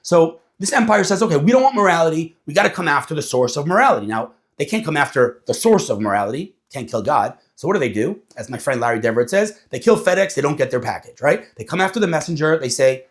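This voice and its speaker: Animated man, lively voice. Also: a little high, quick pace, hardly any pauses. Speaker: speaker. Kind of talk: casual talk to an audience.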